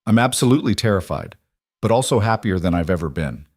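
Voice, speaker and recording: A man's voice: on the low side, animated, quick pace, no echo, studio quality. A man voicing a tender, devoted king. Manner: soft, heartfelt speech. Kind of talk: audiobook story narration.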